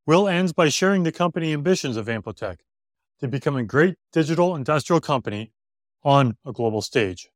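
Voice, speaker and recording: A man hosting a podcast, reading a scripted intro and asking interview questions in a measured, upbeat way. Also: on the high side, animated, no room sound. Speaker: podcast host.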